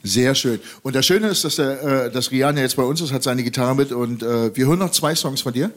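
A man hosting a radio studio session in casual interview talk, halting with many fillers and restarts. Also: medium pitch. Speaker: radio host.

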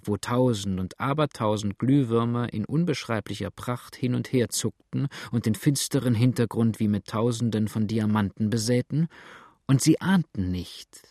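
A man reading a story aloud as an audiobook narrator, steady and measured. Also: mid-range voice, no room sound, clean studio sound. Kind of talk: scripted narration.

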